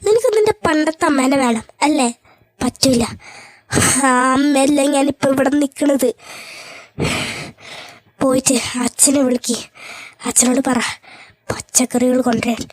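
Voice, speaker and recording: A harsh, domineering mother who scolds and commands, as a woman acts her out. The voice is pitched very high and sounds thin and sharp. She speaks in an amateur fan drama. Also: unhurried, long pauses. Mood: scornful. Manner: scolding, commanding, then frantic pleading. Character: stern, proud mother who later panics over her son.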